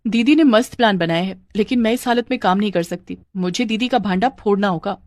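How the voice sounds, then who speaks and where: A woman's voice: mid-range voice, fairly quick, darkish tone, dry recording, natural voice. A woman voicing a kind, hardworking young bride in a cartoon story, who speaks politely and earnestly.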